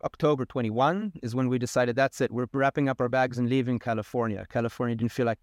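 A man in his thirties who grew up in Israel, a podcast guest explaining his work in a relaxed, plain way. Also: medium pitch, fast talker, dry recording, clean studio sound. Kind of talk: casual interview conversation.

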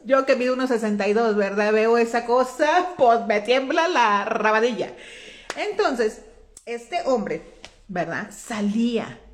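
A woman with a fairly high voice teaches from the Bible in a relaxed, conversational way. She retells the story in her own words, keeps checking in with the listener and gives the people in it little quoted voices. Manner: folksy, constantly adds "¿verdad?".

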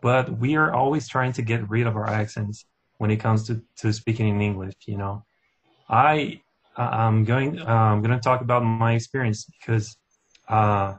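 A Brazilian man with a Portuguese accent, talking in a relaxed, easygoing way on a casual podcast. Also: on the low side. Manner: relaxed, easygoing, filler-heavy. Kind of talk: casual group chat.

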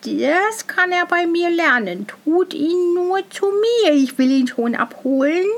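Woman doing sly village sexton, high, smug, storybook. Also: lively intonation, slow pace, heavily acted.

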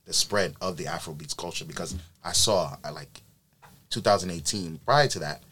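His voice is low and husky at an ordinary speed: a New York–bred event planner casually recounting his story on a podcast, scattering ums and likes throughout his laid-back narration.

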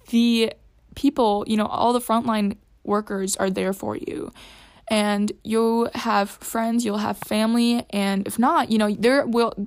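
A young woman hosting a casual solo podcast, rambling with many fillers and self-corrections. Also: medium pitch. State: hiccups. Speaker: podcast host.

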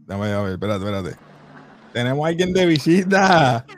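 A man's voice: mid-range voice, very animated, normal speed, soft background music. A man co-hosting a casual anime talk show, joking and acting out character lines. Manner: playful, acts out character quotes. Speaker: podcast co-host.

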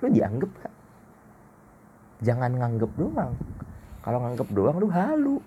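A man's voice: mid-range voice, wildly swooping pitch, measured pace, dark tone, a little hiss or hum. A man hosting a casual solo podcast, blunt, slangy and self-mocking. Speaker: podcast host.

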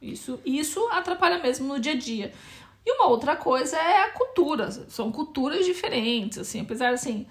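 Her high-pitched voice is animated and brisk as she responds to a relaxed interview. She's a Brazilian woman in her forties living in Portugal, with a Brazilian Portuguese accent, and she sounds thoughtful and hesitant, frequently starting phrases over.

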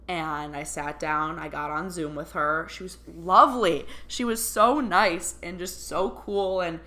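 A young woman in her twenties telling a personal story in a chatty, excitable way, full of fillers. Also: fairly low pitch, measured pace. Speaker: vlogger. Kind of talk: casual storytelling.

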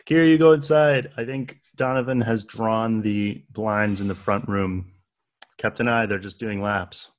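A man narrating a tabletop game as game master, relaxed and playful. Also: lowish voice, a little slow.

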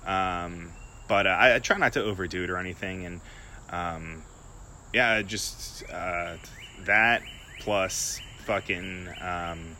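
A man talking in a relaxed, rambling way in a casual podcast chat, swearing now and then. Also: low-pitched, slow pace, a little hiss or hum.

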